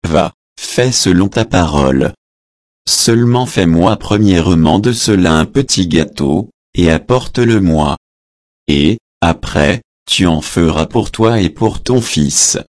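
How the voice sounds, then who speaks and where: A man with a very deep voice reads scripture slowly and evenly, stopping now and then to add footnotes in a lower, quieter aside. The sound is close and dry. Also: expressive, no echo. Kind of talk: Bible reading with spoken footnotes.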